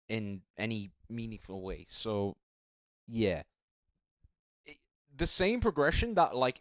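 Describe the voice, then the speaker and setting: A man's voice: medium pitch, darkish tone, no room sound. A young man casually commenting on a live stream, rambling, correcting himself and swearing freely. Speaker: streamer judging beatbox entries.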